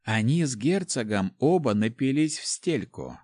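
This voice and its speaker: A man voicing a calm young maid who answers briefly, in an audiobook. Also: mid-range voice, unhurried, no room sound, studio quality, close to an everyday voice. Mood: dry. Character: reserved young maid, calm and matter-of-fact. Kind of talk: audiobook character voice.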